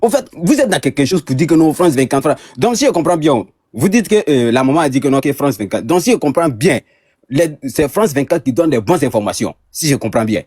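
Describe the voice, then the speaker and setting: An Ivorian man arguing in a heated online debate, hesitant with many restarts, turning loud when pushed. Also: on the high side, very animated, brisk, husky, dry recording, clean studio sound. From Côte d'Ivoire.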